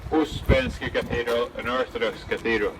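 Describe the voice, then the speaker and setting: A man working as a ghost tour guide, telling stories live to a group in a halting, conversational way. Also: medium pitch, little pitch movement. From Finland. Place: outdoors on city streets. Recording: windy, noisy outdoor recording from a distance.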